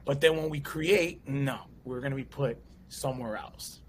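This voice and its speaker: A husky, mid-range male voice at normal speed tells stories in a casual interview. The speaker, a US comedian and actor in his thirties, is an animated guest who keeps acting out quotes and voices.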